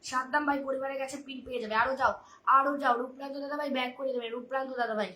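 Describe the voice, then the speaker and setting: A woman hosts a live stream, talking fast and repeating the same urgings again and again between lists of viewer names. Her voice is high and bright. The sound is roomy and echoey, with a faint hiss behind it. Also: fairly even intonation. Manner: rapid repetitive urging of viewers, reading out names. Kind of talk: live stream audience chat. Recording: echoey room with faint noise.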